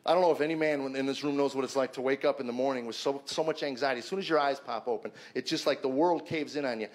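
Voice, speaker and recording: Fast-talking man giving a fervent testimony. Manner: emphatic storyteller, swings loud and high at peaks; repeats words when stuck. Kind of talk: personal testimony to a men's gathering.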